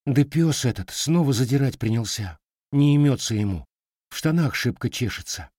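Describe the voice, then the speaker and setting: A man voicing a young Cossack village girl, quick to protest and often sighing. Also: medium pitch, lively intonation, darkish tone, no room sound, clean studio sound, lightly acted. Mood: plain.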